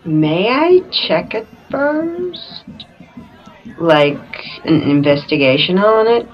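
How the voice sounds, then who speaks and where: A woman's voice: mid-range voice, big pitch swings, takes it slowly, lo-fi sound, soft background music. A woman chatting casually as a player in a tabletop game.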